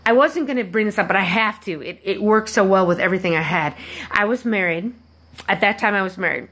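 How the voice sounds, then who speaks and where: A woman telling a personal story to her viewers in a halting, rambling way, with many restarts and asides. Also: medium pitch. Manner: animated when acting out quoted people. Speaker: vlogger.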